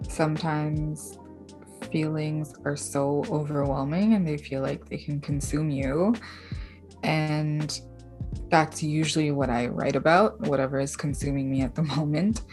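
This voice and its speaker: A young woman from Bangladesh, an artist and writer, speaking thoughtfully and softly in a casual interview with fillers and small laughs. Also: low voice, fairly even intonation, measured pace, soft background music. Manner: thoughtful, soft-spoken, with frequent fillers and light laughs.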